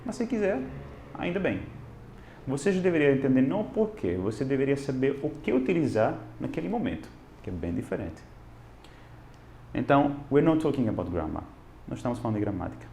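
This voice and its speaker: A mid-range male voice with vocal fry sounds reverberant over slight background noise. He's giving a casual English video lesson in Portuguese, not his native tongue, switching expressively into English for examples.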